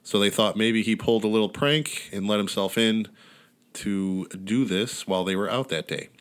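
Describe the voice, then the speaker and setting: Laid-back low-voiced man telling a story. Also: moderate pace, a bit bright, smooth. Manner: laid-back, wry, swears casually. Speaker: podcast host. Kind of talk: casual storytelling chat. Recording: outdoor neighborhood ambience behind.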